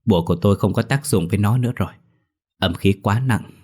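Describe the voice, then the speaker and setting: A man voicing an older exorcist master who speaks in a measured, firm and grave way in a ghost story. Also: fairly low pitch, a little mellow, breathy edge.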